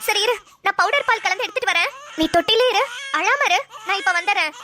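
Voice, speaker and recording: A woman's voice: extremely high pitch, quick pace, noisy background. A woman voicing a harried young mother in a cartoon, exasperated and scolding as she complains. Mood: frustrated. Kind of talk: cartoon voice acting.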